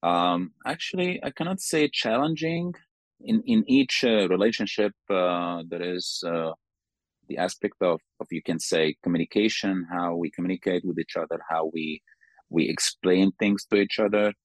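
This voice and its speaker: A man in his forties with a Sudanese accent, answering interview questions in a halting, careful way and often repeating words. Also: sits low, no room sound. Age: 40s. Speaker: interview guest. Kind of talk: conversational interview.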